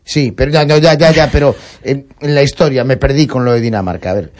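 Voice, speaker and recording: A man's voice: medium pitch, a little fast, a little mellow. A man with a Galician Spanish accent hosting live radio, chatting informally and often repeating or rephrasing himself. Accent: Spanish from Galicia, Spain. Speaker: radio host.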